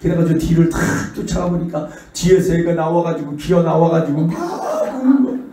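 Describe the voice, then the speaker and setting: Middle-aged male pastor, lively storyteller, fairly high voice, heard from afar in a reverberant hall. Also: brisk, slight background noise. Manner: animated, acts out the voices in his stories. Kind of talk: revival sermon with storytelling. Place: church sanctuary. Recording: echoey church hall, distant mic.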